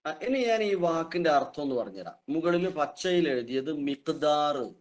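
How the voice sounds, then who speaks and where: A man teaching an online Quran reading class, patiently repeating key terms slowly for his students. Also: on the high side, sing-song.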